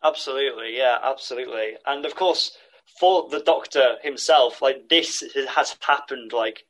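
A man's voice: mid-range voice, moderate pace, a bit bright, poor audio. A man co-hosting a podcast, talking thoughtfully with plenty of "like" and "um". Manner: thoughtful, lots of "like" and "um". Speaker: podcast co-host. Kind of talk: casual chat.

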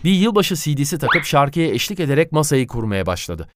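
A man narrating a scripted animated story in an expressive, dramatic manner. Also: a little high, a little fast, background noise.

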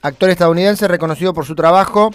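A man's voice: high voice, quick pace, soft background music. A man with an Argentine accent hosting a radio show, running through the day's dates in an informative, affirming way. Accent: Argentine Spanish. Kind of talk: casual radio chat.

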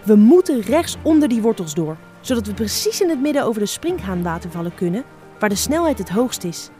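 A woman voicing a bold, excitable male mouse who steers a leaf boat and gives orders in urgent shouts. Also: medium pitch, brisk, faint music behind, natural voice. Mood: commanding.

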